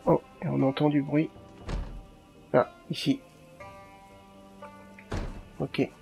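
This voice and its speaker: A man's voice: a little high, little pitch movement, drawn-out words, vocal fry, darkish tone, muffled recording, soft background music. A man giving casual let's play commentary, muttering and thinking aloud to himself.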